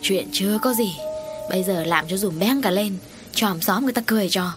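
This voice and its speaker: Woman voicing a stern old grandmother, measured, scolding, faint music behind. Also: mid-range voice, close to an everyday voice.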